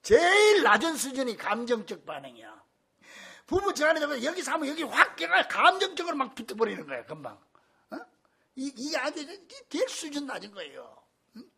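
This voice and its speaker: A male pastor preaching a sermon in a church, telling stories with animation and bursts of shouting. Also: very high voice, vocal fry, breathy edge. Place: church sanctuary.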